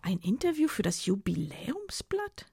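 A woman voicing a boastful, teasing male journalist who talks down to others in an audiobook, with a husky, gravelly voice. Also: medium pitch, very animated, normal speed, darkish tone, no room sound, full character voice. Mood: mocking. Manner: condescending, mocking banter.

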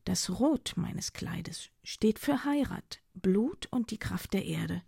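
A woman voicing a defiant, proud performance artist in an audiobook, with a husky, gravelly voice. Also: mid-range voice, expressive, takes it slowly, dark tone, dry recording, exaggerated voice. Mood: explaining. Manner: defiant and indignant.

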